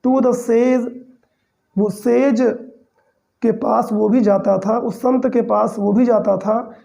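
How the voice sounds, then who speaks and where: A man teaching English by reading story sentences slowly and explaining them in Hindi. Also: very high-pitched, steady tone, vocal fry, dark tone. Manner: reads English slowly, then explains in Hindi with frequent "theek hai". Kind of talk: line-by-line translation lesson.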